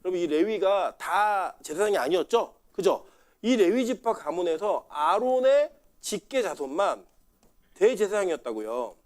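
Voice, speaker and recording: Male pastor, middle-aged, conversational sermon delivery, animated pitch, throws questions at the congregation. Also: moderate pace. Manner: conversational, asks the congregation questions and acts out quotes.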